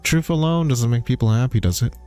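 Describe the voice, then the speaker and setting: Casting note: male streamer reading a mournful ghost dad, slow and solemn, mellow low tone. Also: faint music behind, natural voice. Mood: solemn, probing. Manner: slow, solemn, probing questions. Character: grieving ghost father, stern, questioning.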